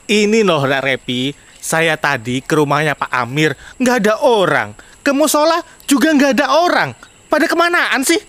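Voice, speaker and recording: A performer voicing an earnest, theatrical village man of some authority in an animated parody. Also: mid-range voice, moderate pace. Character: Pak Yadi, earnest village official seeking a champion, cartoon man.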